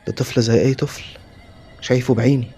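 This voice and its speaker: A man's voice: mid-range voice, fairly even intonation, fast, warm tone, soft background music, close to an everyday voice. A man voicing an uneasy village man who asks questions cautiously, with an Egyptian accent. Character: uneasy village man, wary, trying to look brave.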